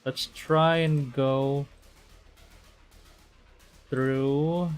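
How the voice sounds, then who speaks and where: With game music running behind him, a VTuber streamer from the Philippines comments on a live playthrough and reads visual novel text aloud. His medium-pitched voice is flat in delivery, and he halts, thinks out loud, and trips over the lines he reads.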